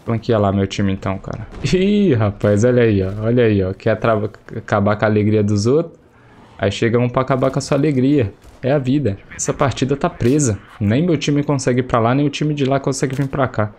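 A young Brazilian Portuguese-accented gameplay streamer with a medium-pitched, darkish voice talks briskly through a headset, chatty and slangy, exclaiming at the action. He's still getting over a cold, which slightly affects his voice. Faint game gunfire and explosions sound behind him.

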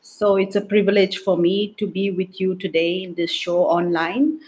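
A woman's voice: fairly low pitch, fairly even intonation, moderate pace, a little mellow. A middle-aged woman from Manipur in northeast India with a Naga accent, talking as an interview guest on a video call. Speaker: guest, sociology professor. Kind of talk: interview talk. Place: book-lined room at home.

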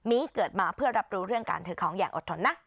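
A woman teacher giving an exam-prep English lesson, explaining in Thai and saying English phrases slowly and clearly for students to repeat. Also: medium pitch, lively intonation, no echo.

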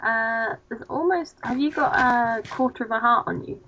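A woman's voice: a little high, moderate pace, bright, forceful tone, slight background noise. A young woman hosting a co-op game video, chatting in a rambling, giggly, self-mocking way. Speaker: let's play host. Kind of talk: casual co-op gaming chat. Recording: dull lo-fi mic.

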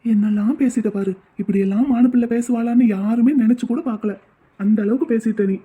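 A woman voicing a gentle, devoted young man who coaxes and comforts his wife in an amateur audio drama. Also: fairly high pitch, fairly even intonation, brisk, breathy edge. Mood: soothing. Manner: soothing, coaxing.

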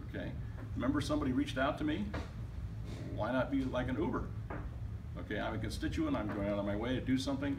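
An older man speaking at a tech summit, answering audience questions in an emphatic, wry way with some hesitant fillers. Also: mid-range voice. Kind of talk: conversational Q&A answers. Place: dim event room with audience. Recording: distant, noisy event room.

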